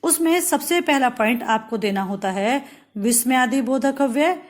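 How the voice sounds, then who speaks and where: A woman from India teaching a Hindi grammar lesson, patiently explaining step by step and reading example sentences slowly. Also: high-pitched, animated.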